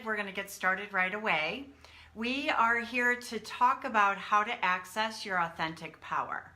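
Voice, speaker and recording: Woman host, coaching talk, bright and upbeat, mid pitch. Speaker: CEO and host of a coaching company. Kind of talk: hosting a live-stream talk.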